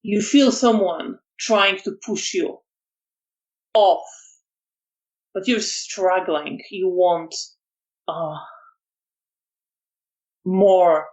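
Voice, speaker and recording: A woman running a tabletop horror game as storyteller, narrating scenes in a measured way with frequent ums. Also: on the low side, darkish tone, rough recording.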